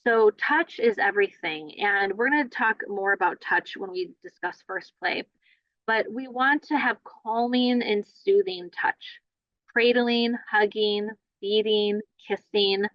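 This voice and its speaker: Running a play therapy training like a conversation, this woman keeps inserting "right?", "you know" and other fillers. Her mid-range voice is slow, captured in a dry recording with the highs cut off.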